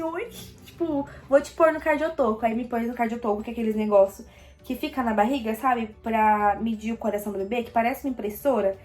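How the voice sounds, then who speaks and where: A young Brazilian woman casually telling a personal story, animated and acting out quoted lines. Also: a little high.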